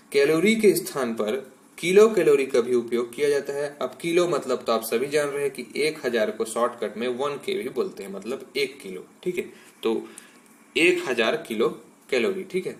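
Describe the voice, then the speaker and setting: A man teaching a science lesson with the patient rhythm of a classroom lecture, speaking in an average-pitched voice. He pauses often to check in with his students before moving to the next point, and he slips English terms into his explanations. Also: fairly bright tone. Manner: explanatory, checks in with "ठीक है" after nearly every point.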